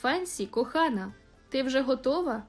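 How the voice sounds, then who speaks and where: A woman's voice: high voice, lively intonation, normal speed, soft background music, voice pushed up. A woman reading an audiobook voices Dick, a cheerful, devoted young groom who teases his bride.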